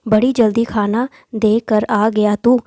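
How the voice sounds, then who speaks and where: A woman voicing a harsh, sharp-tongued stepmother who scolds and shouts, in a storybook reading. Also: medium pitch, little pitch movement, takes it slowly, dry recording, clean studio sound, close to an everyday voice. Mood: scolding. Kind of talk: storybook voice acting.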